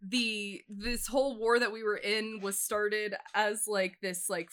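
A woman's voice: mid-range voice, fairly bright tone. An American woman hosting a podcast, chatting casually, blunt and rambling, swearing freely. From United States. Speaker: podcast host.

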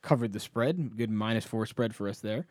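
A man's voice: fairly low pitch, moderate pace, darkish tone, dry recording, studio quality. A man hosting a podcast, talking sports in a casual, conversational style. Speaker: podcast host.

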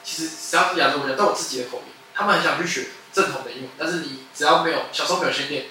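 A young man from Taiwan, chatting very quickly on a podcast. His voice is bright and a touch high, and he laughs easily and mimics in his stories. He sounds off-mic in a strongly echoing room with faint noise. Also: recorded from a distance. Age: young adult. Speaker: podcast co-host. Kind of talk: casual chat.

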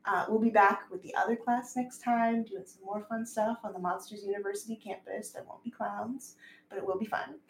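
A woman's voice: mid-range voice, fairly even intonation, a little fast, slight background noise. A woman hosting and narrating an improvised tabletop game in a casual, encouraging way. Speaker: game master and host. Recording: echoey room, music behind.

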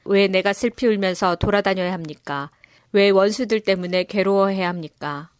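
A woman's voice: mid-range voice, no room sound. Woman reading scripture, dry close sound. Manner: measured, solemn reading pace. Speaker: scripture reader.

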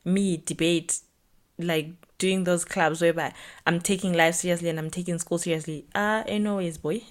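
A young woman talks alone into the mic for her podcast, chatty and candid, with fillers and asides along the way. Her voice sits a little low for a woman. She keeps it relaxed and personal. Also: moderate pace. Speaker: podcast host. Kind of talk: casual solo podcast monologue.

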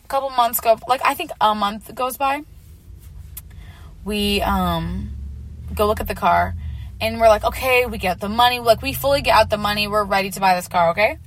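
A young woman in her late teens telling a personal story in a chatty, animated way, full of filler words. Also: a little high, no echo. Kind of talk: casual storytime chat.

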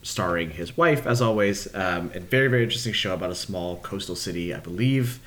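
A man co-hosting a film podcast by call-in, chatting in an animated, rambling way. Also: sits low, brisk. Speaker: podcast co-host. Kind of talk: casual podcast chat. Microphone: remote call-in mic.

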